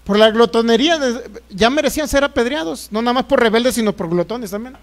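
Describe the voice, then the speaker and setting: A man's voice: extremely high pitch, a little fast. A middle-aged man with a Jalisco Mexican accent, preaching a sermon as pastor, jokey and folksy, firing rhetorical questions.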